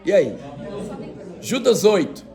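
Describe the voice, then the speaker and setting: A man's voice: high-pitched, sing-song, takes it slowly, darkish tone, some chatter behind. A male pastor, preaching a sermon in a joking, chatty way and teasing the congregation. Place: church service.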